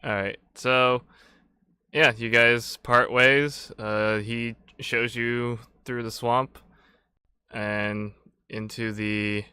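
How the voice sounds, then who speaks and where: Loose-talking game master man, clear. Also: mid-range voice, flat delivery, drawn-out words, bright, forceful tone, no room sound. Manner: loose, meandering narration. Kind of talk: recapping and narrating a tabletop game.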